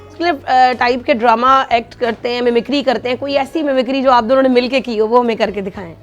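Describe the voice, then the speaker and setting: A woman's voice: on the high side, fairly even intonation, dull audio, soft background music. A woman interviewer asking polite, curious questions. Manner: polite, inquisitive.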